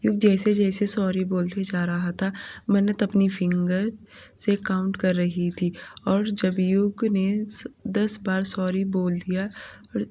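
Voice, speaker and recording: A woman reading her own romance story aloud in an unhurried, even way, voicing the dialogue as she goes. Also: medium pitch.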